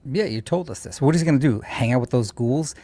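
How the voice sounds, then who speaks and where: An opinionated, teasing man chats casually as a co-host or regular guest on a livestream. He talks fast in a warm, medium-pitched voice, with no echo in the recording.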